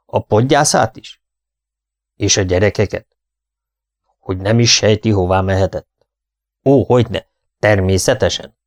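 A man's voice: lowish voice, lightly acted. A man voicing a fussy, precise older male detective who explains things methodically in an audiobook reading. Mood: polite. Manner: measured, lecturing, methodical explanations.

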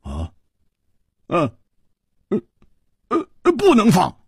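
A man's voice: sits high, wildly swooping pitch, very slow, gravelly, husky, no echo, studio quality, pitched above the performer's own voice, exaggerated voice. A man voicing a bold young male swordsman who stammers and repeats words. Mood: hesitant. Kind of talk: storytelling narration.

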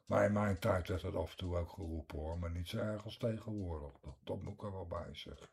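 A man's voice: low voice, a little fast, gravelly, darkish tone. An older man hosting a casual radio chat show, rambling and opinionated in a down-to-earth way. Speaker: radio host. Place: radio studio.

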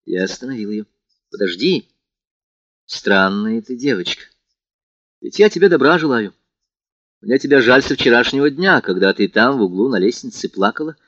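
A man's voice: moderate pace, dry recording. A man narrating a literary novel as an audiobook, acting out the dialogue expressively. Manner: expressive, acts out dialogue with lifted pitch. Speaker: audiobook reader. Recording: dry, muffled lo-fi recording.

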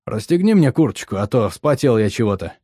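A man's voice: mid-range voice, sing-song, fairly quick, dark tone, husky, no echo, clean studio sound. A man voicing a cheerful, reckless young man who teases in a raised, jaunty voice. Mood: teasing.

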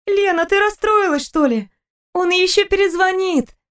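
A woman voicing a cheerful, chatty young fairy-tale princess in an audiobook, with a high, eager voice. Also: moderate pace. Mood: concerned.

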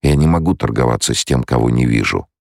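A man's voice: a bass voice, expressive, fast, gravelly, darkish tone, dry recording, studio quality, full character voice. A man voicing a blind young male ruler who speaks firmly and commandingly in an audiobook. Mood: controlled.

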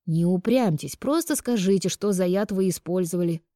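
A woman voicing a calm, persistent male doctor in an audiobook, measured and sorrowful. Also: lowish voice, dry recording, studio quality, lightly acted. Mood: grave. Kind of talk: audiobook character reading.

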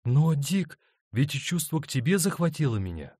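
A man's voice: a little high, very animated, normal speed, a little mellow, breathy edge, no room sound, clean studio sound, pitched above the performer's own voice. A man reading an audiobook, voicing an adult woman torn between two men who speaks in an earnest, pleading way.

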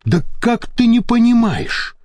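A man's voice: on the high side, huge pitch swings, measured pace, warm tone, slightly rough, dry recording, pitched above the performer's own voice, full character voice. A man voicing a desperate, indignant middle-aged man in an audiobook, pleading and protesting.

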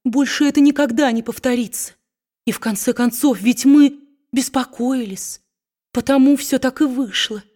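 A woman reading aloud, voicing a frightened wife who begs her husband through tears, pitched higher than her narration. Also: moderate pace, dark tone. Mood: pleading. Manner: tearful, imploring. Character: frightened, pleading young wife.

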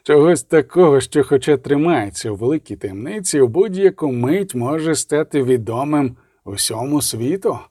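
Sinister cold male assassin, voiced by a man, sardonic, mellow tone, dry sound. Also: on the high side, expressive, moderate pace, hardly any pauses, slightly rough, dry recording. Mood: menacing. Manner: menacing, sardonic.

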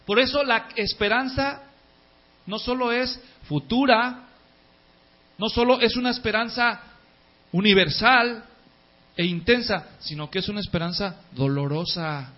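Male pastor, high-pitched, emphatic sermon delivery, dull lo-fi sound. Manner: emphatic, repeats key words in lists, swings from loud to soft.

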